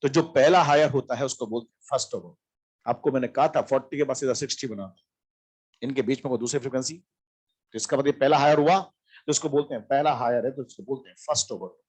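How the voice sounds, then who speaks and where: A man's voice: medium pitch, fast, a little mellow, slightly rough. A man teaching a physics lesson, repeating key terms and answering his own questions. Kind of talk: classroom lecture.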